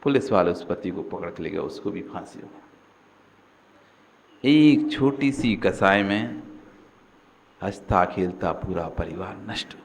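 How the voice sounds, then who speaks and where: A man, a Jain monk, giving a sermon that swings between acted-out shouted scolding and soft, gentle advice. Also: deep voice, vocal fry, slight background noise. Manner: acts out scolding and gentle voices in quick swings. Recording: long hall reverb.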